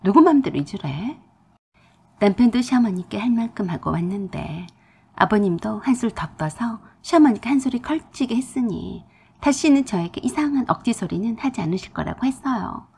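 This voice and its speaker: A woman's voice: fairly high pitch, expressive, moderate pace, vocal fry, a little mellow, husky. A woman narrating a first-person story about her family in an indignant storytelling manner.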